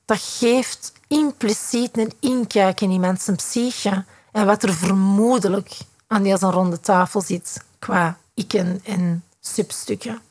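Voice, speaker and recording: A woman's voice: medium pitch, fairly even intonation, slow, a little mellow. A woman with a Flemish accent, a psychotherapist explaining in a podcast monologue, who acts out short quoted reactions as she goes.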